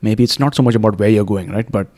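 In a quiet indoor room at a wellness space, a male podcast host with a mellow, lowish voice speaks quickly. The interview opens with a scripted introduction and then drifts into casual chat.

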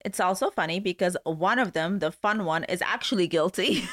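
A woman's voice: on the low side, moderate pace. Blunt, chatty young woman. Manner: blunt, chatty, laughs often. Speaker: podcast co-host. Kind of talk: casual chat.

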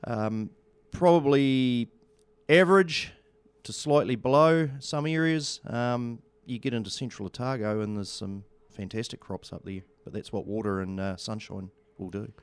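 A New Zealand man speaking as a studio guest in a casual radio interview, with halting, understated, colloquial delivery. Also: mid-range voice, clear, resonant tone, no room sound. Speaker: studio guest, agricultural seed company representative.

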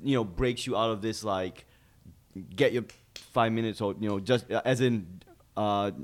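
A man's voice: lowish voice, steady tone, normal speed. A man in his thirties from Malaysia, a guest comedian telling his life story in a casual podcast interview, rambling with many fillers and restarts.

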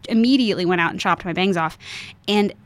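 A woman chatting casually as a guest, talking quickly and laughing easily. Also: lowish voice, no room sound. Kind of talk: casual chat.

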